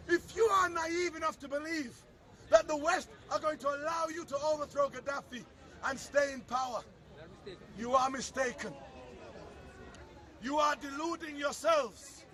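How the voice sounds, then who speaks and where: At a public speakers' corner outdoors, a man on a soapbox delivers an impassioned political speech in a very high, bright, forceful voice. He's declamatory and emphatic, repeating his phrases, while a faint crowd and urban outdoor sounds fill the background.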